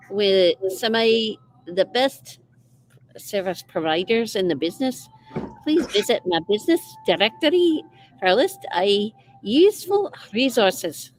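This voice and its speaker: A woman's voice: fairly high pitch, slight background noise, rough recording. A woman putting on a lilting Scottish brogue. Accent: put-on Scottish. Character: woman reading a letter in Scottish voice. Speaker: realtor guest. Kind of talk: reading aloud in a put-on accent.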